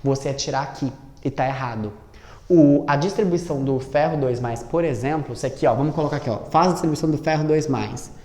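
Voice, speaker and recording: A man teaching chemistry, lively, asking and answering his own questions and spelling out each step slowly. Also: medium pitch. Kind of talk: classroom lesson at a board. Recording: roomy echo with long reverb.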